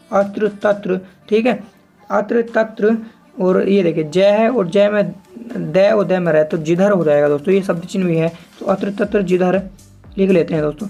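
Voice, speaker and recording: A man teaching shorthand step by step, spelling out sounds slowly and repeating each word, often addressing viewers as friends. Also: sits high, vocal fry, darkish tone. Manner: slow and repetitive, spelling out sounds piece by piece and calling viewers "friends". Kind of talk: step-by-step tutorial explanation.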